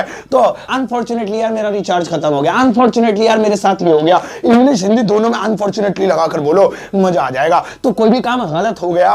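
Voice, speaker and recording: A man's voice: sits high, vocal fry. A man teaching English lessons in a playful, teasing way, full of jokes and asides. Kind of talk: joking classroom-style lesson.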